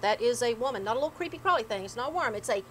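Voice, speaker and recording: A woman's voice: a little high, lively intonation, rapid-fire, fairly bright tone, slight background noise. A woman with an Appalachian accent telling folk tales in dialect, in a folksy, dramatic way. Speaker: storyteller. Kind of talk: oral folk storytelling in dialect.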